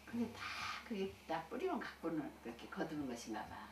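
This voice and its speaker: With a low-sitting, sing-song voice and a brisk pace, an older woman serving as a senior Buddhist minister tells listeners about her life. She chats folksily, laughs often, and restarts many times, recorded from afar in an echoey room with faint hiss.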